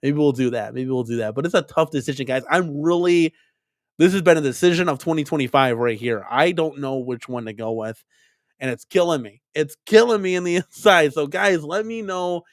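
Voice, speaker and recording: A man hosting an arcade-collecting live stream chats casually and rambles, repeating words and tossing in lots of "right?" and "like." His voice is a little high and a little fast, with clean studio sound and no room noise.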